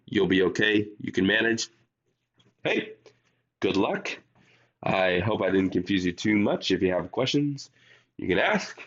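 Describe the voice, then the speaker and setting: A man's voice: on the low side, expressive, a little slow, pauses often, fairly bright tone, dull audio. A man teaching a recorded math lesson while under the weather, explaining step by step and speaking directly to his students.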